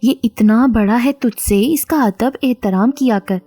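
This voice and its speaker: A woman's voice: a little high, a little slow, mellow, faint music behind. A woman reading the part of a stern elderly grandmother who scolds the household. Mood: scolding.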